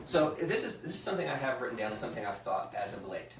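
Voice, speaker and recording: A man's voice: medium pitch, very animated, fast, reverberant, recorded from a distance, slight background noise, low-quality recording. A man hosting a casual live podcast, arguing his point emphatically with frequent restarts. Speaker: show host.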